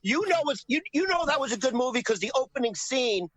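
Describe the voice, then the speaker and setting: High-voiced crude joking man on a call. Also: expressive, a little fast, a bit bright, no echo, low-quality recording. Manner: crude, joking, stammering restarts. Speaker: podcast guest. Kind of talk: casual banter over video call. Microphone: video call.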